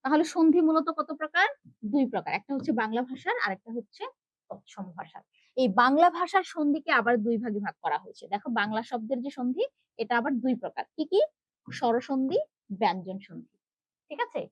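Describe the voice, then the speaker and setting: A woman's voice: high-pitched, very animated, a little fast, no echo, muffled recording. A young woman teaching an online grammar lesson with a Bangladeshi Bengali accent. She explains step by step and keeps checking that students follow. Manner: explains step by step, often checks with "ঠিক আছে?". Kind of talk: online class lecture.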